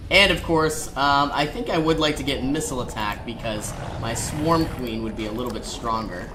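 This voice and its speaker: A casual gamer narrates a strategy walkthrough in a mid-pitched voice. Game sounds and noise run clearly behind the commentary. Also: normal speed. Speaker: gameplay commentator.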